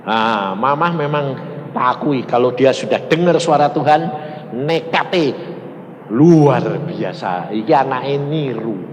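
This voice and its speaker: Animated Javanese-accented preacher in a hall. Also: male voice, medium pitch, slow pace. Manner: animated, acts out quoted voices, mixes in local dialect. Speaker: evangelist preacher. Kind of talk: storytelling sermon. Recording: long reverb in a large hall, faint noise.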